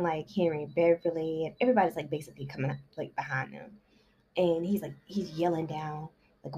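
A woman with a low, mellow voice casually recaps a novel's plot for her book summary vlog, rambling with constant "like" and "you know." There's a little hiss or hum in the recording.

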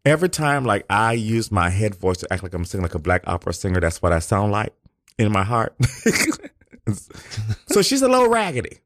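A sassy male radio host chats casually, teasing his guest in a fairly low voice. The studio sound is close and dry, with no room around him. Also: a little fast, a bit bright, no room sound. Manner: sassy, playful, drawls endearments. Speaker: radio talk show host.

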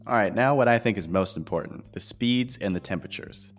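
Here a podcast host with a fairly low voice talks rather quickly, explaining matters directly to listeners in an informal, scripted format. Music runs behind him, and his voice bounces around the bare new office, which has no furniture yet.

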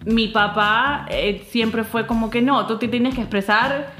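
A woman's voice: on the high side, a little slow, fairly bright tone, faint music behind. Candid woman in an echoey room. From Peru. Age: 30s. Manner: candid and open, with many fillers and restarts. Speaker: guest. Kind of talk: casual interview chat.

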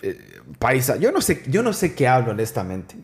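A man from Colombia hosting a casual interview, chatty, with quick restarts, who acts out the quotes he tells. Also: medium pitch, huge pitch swings. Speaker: podcast host.

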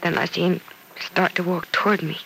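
A heartbroken young woman, talks in a measured, sorrowful way. Her voice has a slight gravelly edge. Her grief is earnest and withdrawn. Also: fairly low pitch, level tone, a bit bright, a little hiss or hum, poor audio. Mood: grieving. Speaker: radio drama actress. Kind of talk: 1940s radio acting.

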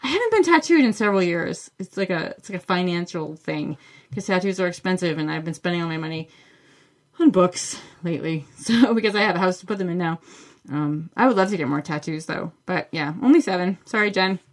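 Chatty woman podcast host, lowish voice. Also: lively intonation, a little fast. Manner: chatty and enthusiastic, with many fillers. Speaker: podcast host answering listener questions. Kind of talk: casual solo podcast talk.

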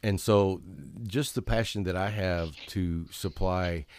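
A man's voice: sits low, fairly even intonation, takes it slowly, darkish tone, clean tone, dry recording. A man hosting a cigar podcast, chatting enthusiastically and at length with his guest. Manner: enthusiastic, wordy, keeps returning to passion. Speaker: cigar show host. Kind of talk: casual podcast interview.

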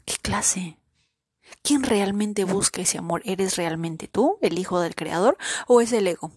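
Husky-voiced woman asking rhetorical questions. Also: mid-range voice, expressive, a little mellow, no room sound, studio quality. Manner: presses with repeated rhetorical questions; slow and deliberate, sometimes dropping to a whisper. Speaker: podcast host. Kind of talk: reflective spiritual monologue.

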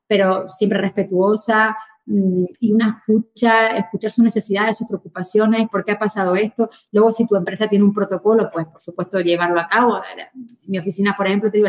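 A middle-aged woman, chatting as an interview guest about handling clients, lively and full of fillers. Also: mid-range voice, low-quality recording. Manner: lively, warm storytelling with many fillers. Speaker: guest, real estate agent. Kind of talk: casual interview chat.

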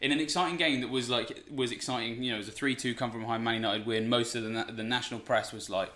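A man's voice: medium pitch, fairly even intonation, fast talker, sharp tone, roomy sound, slight background noise. A man co-hosting a podcast, chatting casually and rambling, with lots of fillers and restarts. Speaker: podcast co-host. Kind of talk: casual podcast chat about fantasy football.

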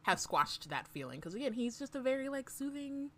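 A woman's voice: high-pitched, very animated, fairly quick, bright, forceful tone. A woman co-hosting a book podcast, chatting casually and summarizing chapters with frequent fillers. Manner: chatty, lots of "like" and "um", laughs often. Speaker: podcast co-host.

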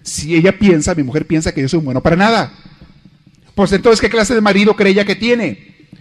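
A man's voice: medium pitch, lively intonation, normal speed, warm tone, natural voice. A man doing a sulky, wounded husband. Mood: grumbling.

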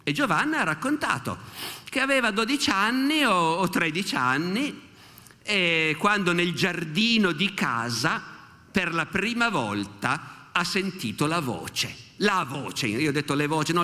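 Older male lecturer with a bright, lively voice, storytelling at a podium, with the long echo of a hall. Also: high voice, a little slow. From Italy. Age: 60s. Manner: lively storyteller, quotes historical witnesses in animated asides. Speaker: history lecturer. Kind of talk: public history lecture.

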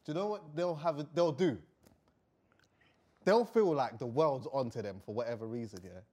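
A man's voice: medium pitch, normal speed, warm tone. A man with a London roadman accent, chatting casually in slang and tagging questions onto his sentences. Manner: adds tag questions. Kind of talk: casual chat.

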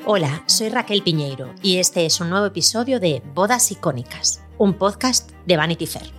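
A woman hosting a podcast, reading a scripted documentary narration in a measured storytelling way. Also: fairly low pitch, lively intonation. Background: faint music.

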